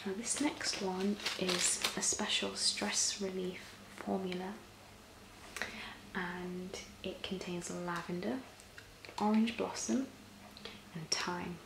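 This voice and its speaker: A woman performs an ASMR role-play as a personal shopper. Her voice is soft, breathy and fairly low, slipping in and out of a soft voice as she gently explains. The room echoes around her, with clear noise behind. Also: steady tone, slow. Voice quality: soft-spoken, often breathy and soft-spoken. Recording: roomy echo, clear background noise.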